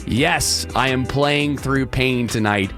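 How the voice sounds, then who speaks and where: Hoarse, frog-throated male radio host. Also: takes it slowly, over music. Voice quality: deeper than usual, frog-throated. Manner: projecting from the diaphragm, emphatic opinionated delivery. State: hoarse, congested voice. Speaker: radio talk show host. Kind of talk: solo radio talk monologue. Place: radio studio.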